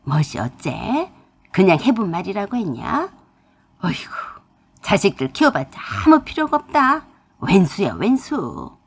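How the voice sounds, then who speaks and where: A woman's voice: lowish voice, very animated, vocal fry, slightly rough, pitched below the performer's own voice, exaggerated voice. Woman playing an angry old mother. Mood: furious scolding. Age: older. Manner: harsh scolding, slow and dragged out. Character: bitter scolding old mother, widowed and lonely.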